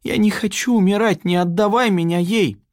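A man's voice: a little high, big pitch swings, moderate pace, darkish tone, no room sound, studio quality, voice pushed up. A man voicing a cocky, scheming young woman who taunts her timid other self. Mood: fake pleading.

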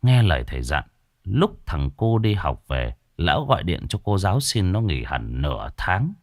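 Deep, animated storyteller. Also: male voice, moderate pace, no echo, studio quality. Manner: expressive, dramatic storytelling. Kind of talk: scripted horror story narration.

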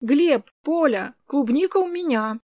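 A woman voicing a lively, chatty little girl in an audiobook, with a high, bright childish voice. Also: normal speed, no echo, studio quality, lightly acted. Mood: excited. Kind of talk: audiobook character voice.

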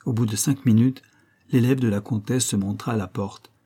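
Husky, dark-voiced male narrator. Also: lowish voice. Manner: measured, even storytelling. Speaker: audiobook reader. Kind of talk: scripted literary narration.

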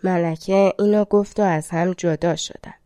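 A woman narrating a fairy-tale audiobook in an even, measured reading. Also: on the low side, no room sound, studio quality. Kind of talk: storybook narration.

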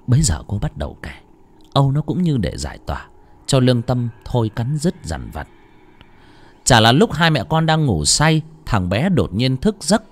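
Male audiobook narrator, dramatic and very animated. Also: medium pitch. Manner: dramatic, expressive storytelling. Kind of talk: storytelling narration.

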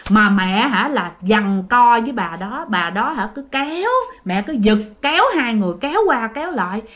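A woman tells a ghost story casually, speaking straight to her listeners. Her voice sits a little high and swings widely in pitch, making the telling animated. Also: normal speed. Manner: animated, addressing listeners directly.

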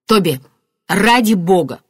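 A woman's voice: medium pitch, sing-song, normal speed, dry recording, clean studio sound, pitched above the performer's own voice. A woman voicing a furious grieving father. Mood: raging. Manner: shouting, raging.

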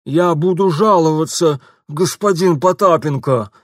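A man's voice: a little high, a little slow, no echo, clean studio sound, voice pushed up. A man voicing a whiny, indignant middle-aged shopkeeper who squeals and complains.

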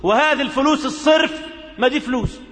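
A man with an Egyptian accent giving a Friday sermon, moving between formal Arabic and lively colloquial asides. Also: very high voice, fast, big-room sound. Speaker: preacher.

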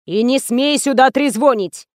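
Gruff hostile old man barking, as a woman puts him on, dry close sound. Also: fairly high pitch, slow pace, no echo.

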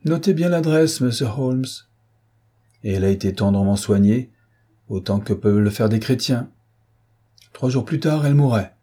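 A man's voice: medium pitch, moderate pace, long pauses, warm tone, breathy edge, close to an everyday voice. A man reading an audiobook who voices a blustering, indignant middle-aged man with a mocking, rising delivery. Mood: sneering.

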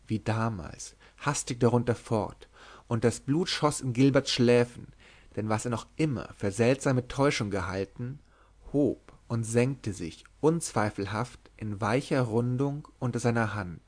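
A man reading an older German novel aloud as an audiobook, in an even, measured storytelling manner. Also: mid-range voice. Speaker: audiobook reader.

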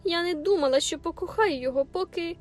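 A woman voicing a tearful teenage girl who begs in a high, breathless voice, with faint music underneath. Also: fast talker. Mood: sobbing.

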